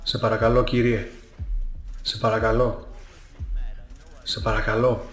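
A man's voice: lowish voice, little pitch movement, reverberant, faint music behind. A male actor and radio co-host giving a dramatic reading, pleading in short, breathless repeated phrases.

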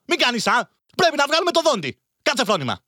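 A woman's voice: sits high, big pitch swings, bright, forceful tone, no room sound, clean studio sound, heavily acted. A woman voicing a pompous, fussy male country doctor in a children's radio play.

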